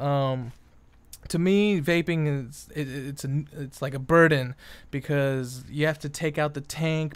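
Smooth, higher-voiced young man ranting. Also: no room sound. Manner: profane, rambling, exasperated. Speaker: vlogger. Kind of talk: casual opinion rant.

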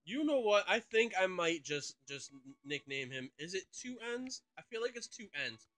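A man's voice: high voice, sing-song, moderate pace, pushed and bright. A man hosting a gaming channel, thinking aloud and swearing casually through let's play commentary.

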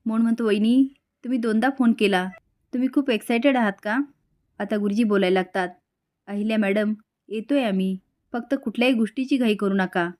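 A woman's voice: mid-range voice, a little mellow. A woman narrating a television serial recap, reading each character's lines aloud in her own plain voice. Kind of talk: storytelling episode recap.

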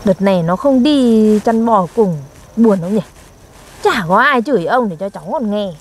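A woman's voice: mid-range voice, expressive, normal speed. A young woman, performing in a scripted comedy skit and teasing and scolding her partner in an exaggerated way. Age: young adult. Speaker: comic actor.

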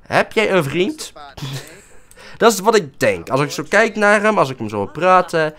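A man's voice: high voice, very animated, unhurried, fairly bright tone. A young man giving playful, casual let's-play commentary, often voicing his character with mock emotional outbursts. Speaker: gaming YouTuber.

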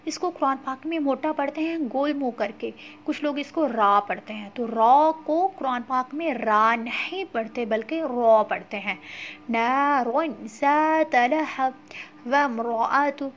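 High-voiced woman teaching Quran recitation. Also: muffled recording, slight background noise. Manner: alternates slow drawn-out recitation with quick explanations. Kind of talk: tajweed lesson with slow chanted recitation.

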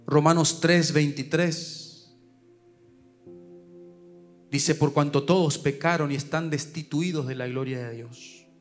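Paraguayan man preaching a sermon, high voice, loud urgent calls then hushed asides, faint music underneath. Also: steady tone, takes it slowly, long pauses. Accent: Paraguayan Spanish. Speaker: pastor. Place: church service.

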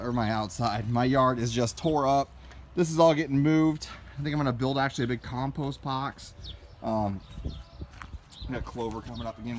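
A man casually vlogging as he walks through his greenhouse and yard, upbeat and rambling, filmed on a handheld phone. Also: medium pitch. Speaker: gardening vlogger. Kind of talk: casual walk-and-talk vlog. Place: backyard greenhouse and yard, outdoors. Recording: noisy outdoor phone recording. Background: outdoor ambience, passing train.

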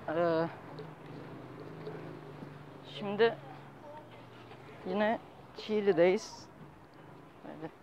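A young adult man vlogging casually as he walks, talking in halting, rambling fragments and often correcting himself. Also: sits high. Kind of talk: casual walking vlog. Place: outdoors, walking on city streets. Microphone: handheld phone at arm's length. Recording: dull handheld phone, outdoor street noise.

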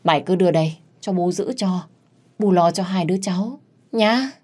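A woman voicing a scheming old village mother-in-law who wails and scolds in a shrill voice. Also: normal speed, a little mellow, lightly acted. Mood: coaxing.

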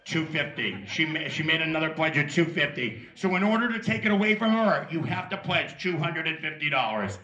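High, bright showman auctioneer man. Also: very animated, recorded from a distance, muffled recording. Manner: showman-like, projecting, drawn-out calls. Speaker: charity auctioneer. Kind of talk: live auction calling to a crowd. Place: large outdoor courtyard dinner event. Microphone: handheld microphone through PA. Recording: echoey PA from afar, crowd noise.

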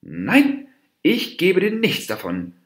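Brief: a man playing a furious, stubborn storybook mouse deer, snappish and firm, lively pitch, echoey room. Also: a little slow. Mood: angry. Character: wrathful stubborn male mouse deer, fable hero. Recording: roomy echo.

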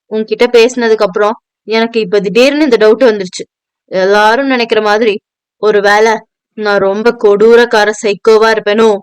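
A woman's voice: mid-range voice, smooth, dry recording, lightly acted. A woman voicing a drunk, self-pitying, volatile rich man who slurs and whines. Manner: slurred, whining drunk talk.

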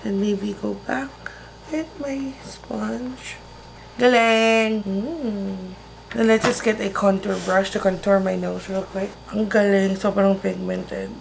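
Filipina beauty vlogger, chatty and excited, a bit of fry, faint hiss in a small studio. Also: female voice, medium pitch, slow pace. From Philippines. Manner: chatty, mixing English and Tagalog, excited exclamations. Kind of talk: casual makeup review. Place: small indoor studio with dark backdrop.

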